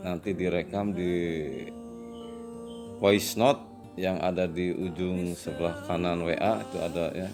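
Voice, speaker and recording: A man teaching a children's lesson in a patient, slow manner, often adding "ya" as he explains. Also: low voice. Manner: slow and patient, with frequent "ya" tags and louder drawn-out recitation. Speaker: religious studies teacher.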